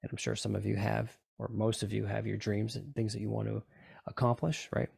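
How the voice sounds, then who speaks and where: A man's voice: on the low side, flat delivery, fairly quick, gravelly, a little mellow, husky, no room sound, clean studio sound. A man leading a group in guided relaxation, giving coaxing, repetitive instructions and often checking in with short questions. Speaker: group session leader guiding tapping and relaxation.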